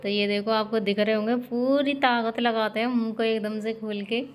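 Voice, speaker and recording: A woman's voice: fairly high pitch, fairly even intonation, normal speed. A young woman vlogging at home, earnestly explaining step by step as she cares for her husband. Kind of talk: casual explanation to camera. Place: home room. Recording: echoey room, faint background noise.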